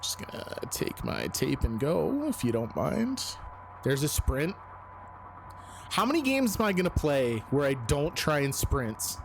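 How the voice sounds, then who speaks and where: A man's voice: fairly high pitch, sing-song, measured pace, gravelly, background noise. A man giving casual, uneasy, sweary commentary as he streams a scary video game. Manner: sweary, informal.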